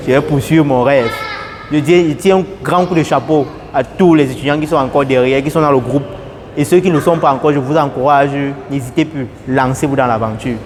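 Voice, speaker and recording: A young man giving an earnest, casual testimonial at an airport, repeating his phrases and getting animated. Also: on the high side, background noise. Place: airport, indoors.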